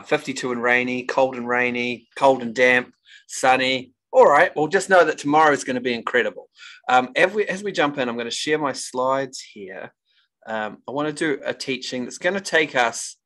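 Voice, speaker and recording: A man's voice: mid-range voice, a bit bright, low-quality recording. Upbeat New Zealand man on a video call. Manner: upbeat, coaxing the audience to join in. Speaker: real estate trainer. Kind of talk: webinar teaching.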